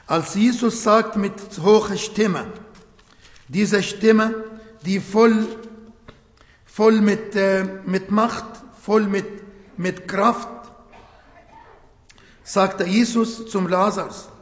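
A man preaching a sermon in a slow, halting way, often restarting phrases and searching for words, with earnest emphasis. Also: high-pitched, steady tone. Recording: echoey hall with long reverb.

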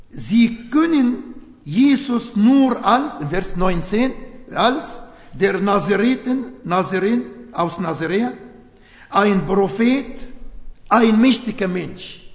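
In an echoey church hall with long reverb, a man whose first language is Arabic preaches a sermon in German. His voice is high-pitched, expressive and slow, and he makes grammar slips and asks many rhetorical questions.

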